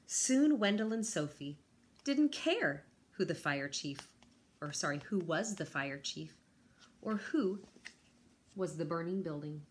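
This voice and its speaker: Reading a picture book to children, a female teacher is expressive and chats with her young audience in asides. She speaks slowly at a fairly low pitch, with slight background noise.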